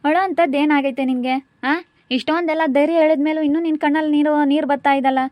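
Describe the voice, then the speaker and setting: A woman's voice: high-pitched, steady tone, fast talker, a little mellow, no echo, lightly acted. A woman with a rural central Karnataka Kannada accent playing a devoted younger sister who pleads insistently with her crying elder sister, in an amateur village drama. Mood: pleading.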